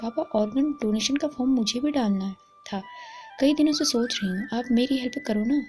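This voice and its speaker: A woman with a fairly high, slightly dark voice speaks at normal speed, close to how she'd sound day to day, with faint music behind her. She's playing a cheerful young college woman, a playful daughter.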